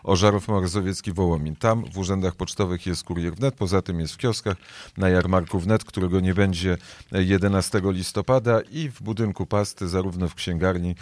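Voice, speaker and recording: A man's voice: low voice, steady tone, brisk, darkish tone, no echo. A man presenting a live morning radio programme as its host, in a studio.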